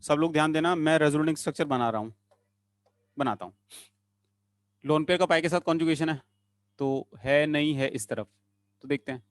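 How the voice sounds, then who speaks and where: A man's voice: a little high, fairly quick, pauses often, dry recording. A man teaching chemistry in an online class, coaxing students along and repeating short phrases in a sing-song way.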